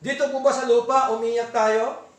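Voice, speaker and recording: A man with a Filipino accent preaching a sermon in a church, asking the congregation for assent and reading verses slowly. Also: extremely high pitch, flat delivery, reverberant, recorded from a distance. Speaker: pastor. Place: church hall.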